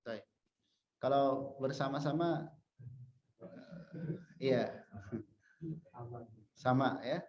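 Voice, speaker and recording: Slow, patient male religious teacher. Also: mid-range voice. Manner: patient, repeats syllables to demonstrate pronunciation; chants example verses slowly. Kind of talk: Quran recitation lesson. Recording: echoey room, dull lo-fi sound.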